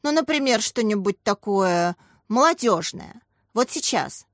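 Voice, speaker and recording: A woman's voice: mid-range voice, expressive, dry recording, studio quality. A woman voicing a cheeky schoolboy who speaks eagerly and raps his lines. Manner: eager, then slow rapping.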